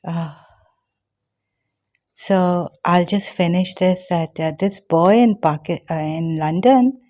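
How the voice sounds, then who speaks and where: An older woman from Pakistan telling a personal story in a halting way, with many fillers and pauses, a little out of breath. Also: on the low side. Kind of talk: personal testimony monologue.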